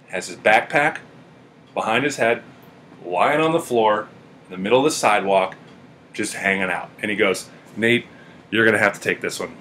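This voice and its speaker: A young man casually telling funny stories about a friend to the camera, relaxed and amused, with plenty of ums and uhs. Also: fairly low pitch, slight background noise. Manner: laid-back, amused, with filler ums and uhs. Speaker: friend giving a video tribute.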